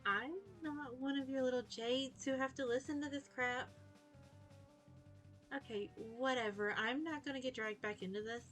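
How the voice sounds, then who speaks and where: A woman's voice: sits high, fairly even intonation, normal speed, a bit bright, soft background music. Woman voicing a bored, dismissive troll girl. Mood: bored, annoyed. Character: bored, dismissive, sulky female troll in a visual novel.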